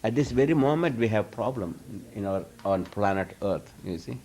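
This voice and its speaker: This man's lowish, darkish voice has lively intonation and a moderate pace. He's a spiritual teacher responding to audience questions in an informal live lecture, rambling, restarting sentences often, and chuckling while he talks.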